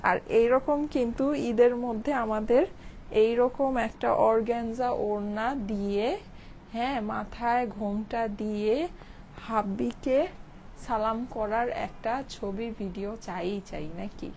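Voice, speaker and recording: Bangladeshi woman doing a live clothes sale, kinda hoarse, higher voice, faint room noise behind. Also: steady tone, measured pace, a little mellow. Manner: chatty, keeps checking in with viewers. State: slightly hoarse from a cold. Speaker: clothing shop seller on a live stream. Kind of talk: live selling chat to viewers. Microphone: phone with clip-on mic.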